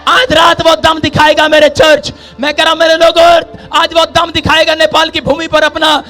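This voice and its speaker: Casting: fiery male preacher, very high and bright, shouting repetitive lines, faint music behind. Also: monotone, moderate pace. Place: church service before a congregation.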